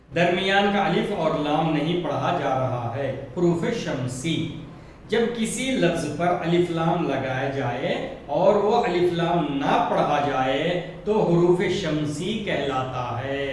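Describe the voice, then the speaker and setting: This is a slow textbook explanation from a man whose voice runs a little high and carries an Urdu-speaking Indian accent; he patiently repeats words and spells out their letters. The mic is far from him, the room is heavily echoey, and there's faint background noise.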